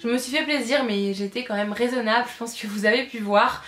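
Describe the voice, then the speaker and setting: A woman's voice: a little high, steady tone, a little fast, fairly bright tone, reverberant. A woman beauty vlogger chatting casually through a shopping haul, gushing and repeating words for emphasis, with frequent hesitations. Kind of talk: casual haul video chat.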